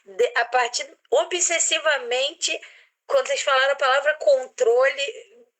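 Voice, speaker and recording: A woman's voice: high-pitched, steady tone, unhurried, fairly bright tone. A woman with a Brazilian Portuguese accent, thinking aloud in a casual online discussion, hesitant and searching for words. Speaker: participant in a psychoanalysis online discussion.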